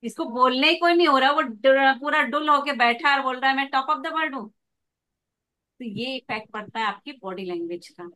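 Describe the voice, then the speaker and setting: A woman coach teaching an online class over a video call, lively and acting out examples as she explains. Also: high voice, a little fast, hardly any pauses. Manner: lively, demonstrates with acted examples. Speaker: pregnancy coach.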